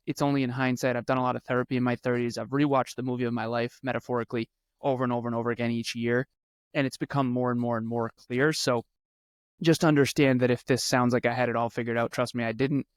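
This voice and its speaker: Man, 30s, podcast guest; earnest storyteller who repeats for emphasis, dry close sound, mid pitch. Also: steady tone, fast talker, no room sound. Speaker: podcast guest, speaker and coach. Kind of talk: conversational interview storytelling.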